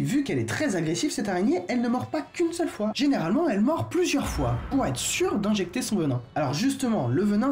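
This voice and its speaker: A man's voice: sits high, darkish tone. Guy explaining stuff on his channel, jokey n slangy, voice jumps all over. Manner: joking, slangy, talks straight to viewers. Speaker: educational YouTuber. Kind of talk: casual explainer narration.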